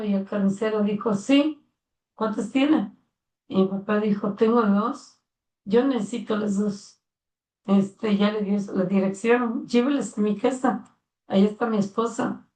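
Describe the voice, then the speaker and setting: A woman's voice: medium pitch, mellow. An older woman with a Mexican accent telling her own life story to her son, earnest and heartfelt, acting out remembered dialogue. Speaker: interviewee, mother of the interviewer. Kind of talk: personal life story told in conversation. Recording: roomy sound, mic at a distance.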